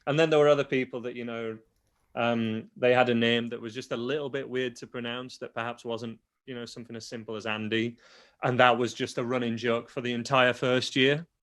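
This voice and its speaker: Slightly fast and a bit bright, his mid-range voice stays fairly flat in pitch. He's a young adult guitar teacher and video creator from Yorkshire, England, with a muted regional accent, giving plain explanations in a casual interview full of restarts.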